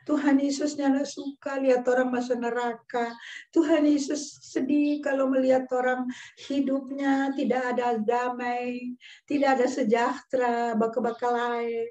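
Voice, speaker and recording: A woman's voice: high-pitched, flat delivery, a little slow, darkish tone. A middle-aged woman giving a storytelling sermon to young children as their worship teacher. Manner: storytelling, speaks to children, acts out quoted voices. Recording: dull, echoey room sound.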